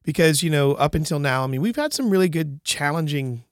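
A podcast host with a congested, nasal voice chats casually and emphatically on a co-hosted show, often repeating himself to drive a point home. His voice is a little high, expressive and brisk, and the recording is dry, clean studio sound.

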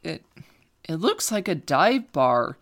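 An actress playing a nervous young woman about to be hypnotized, speaking haltingly with stammers. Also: low voice, sing-song, full character voice. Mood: entranced.

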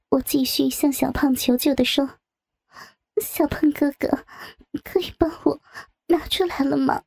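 A woman narrating a first-person adult story in a soft, breathy, near-whispered delivery. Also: sits high.

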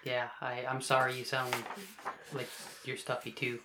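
A man co-hosting a podcast in casual, animated chat, swearing freely and laughing. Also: medium pitch, normal speed, echoey room, noisy background. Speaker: podcast co-host.

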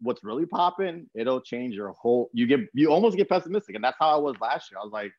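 Speaking quickly and with animation, a young American podcast host from Texas keeps things casual and conversational, rambling in informal slang. His pitch is medium, and the audio has no room sound yet seems slightly muffled.

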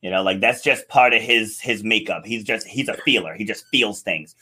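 A man's voice: lowish voice, moderate pace, sharp tone, slightly rough. A middle-aged man hosting a podcast, chatting casually and laughing a lot. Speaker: podcast host. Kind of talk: casual interview chat.

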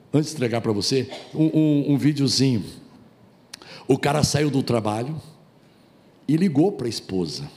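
A middle-aged man, preaching a lively sermon on marriage, joking with the audience and acting out quotes. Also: medium pitch. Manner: animated, acts out quotes, jokes with audience. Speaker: pastor.

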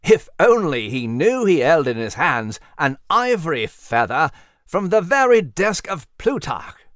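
A man's voice: on the high side, big pitch swings, unhurried, a bit bright, dry recording, studio quality. A man doing a fussy, courteous old-fashioned gent animal. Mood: musing. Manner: courteous and methodical, says "my dear". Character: bespectacled male animal, fussy polite gentleman. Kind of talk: storybook character voice.

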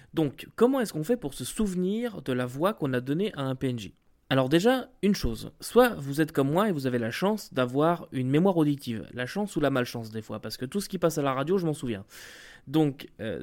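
A man talking casually to camera about running tabletop role-playing games, with the odd filler. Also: mid-range voice. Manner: conversational, lively, with occasional fillers. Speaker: tabletop game master giving advice. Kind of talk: explanatory video talk.

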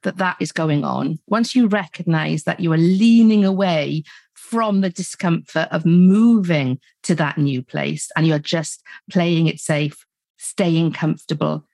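A woman speaking as a podcast guest, explaining her views in a steady, self-assured way. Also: sits low, unhurried, creaky, no echo. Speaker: podcast guest, money coach. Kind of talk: conversational interview.

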